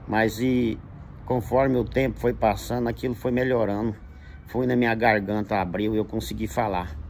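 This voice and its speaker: A man's voice: a little mellow, a little hiss or hum. A man with a Brazilian Portuguese accent recounting a personal religious testimony with emotion, his voice rising as he retells dialogue. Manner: emotional, rises in pitch when retelling dialogue. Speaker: witness giving a religious testimony.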